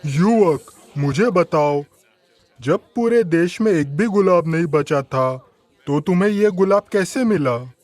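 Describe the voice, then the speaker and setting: Measured cartoon king. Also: a little high, animated, a little mellow, dry recording. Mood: curious. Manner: measured questioning. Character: curious fairy-tale king, a princess's father. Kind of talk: cartoon voice acting.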